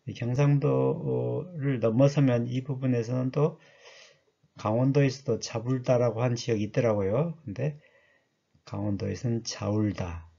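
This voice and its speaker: A man's voice: mid-range voice, gravelly, mellow, husky, muffled recording. A man giving a chatty lecture that explains dialect words, often asking his listeners questions.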